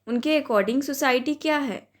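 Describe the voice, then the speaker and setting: High-voiced woman teaching slowly. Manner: slow English reading, then quick Hindi explanation; asks questions and answers them herself. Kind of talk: exam-prep lecture.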